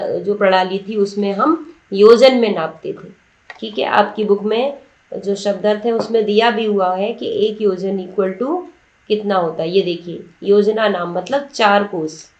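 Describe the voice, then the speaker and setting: Slow, patient woman teacher in roomy echo. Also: medium pitch, darkish tone. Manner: slow, patient word-by-word explanation with questions to students. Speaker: Sanskrit teacher. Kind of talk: explaining a textbook lesson.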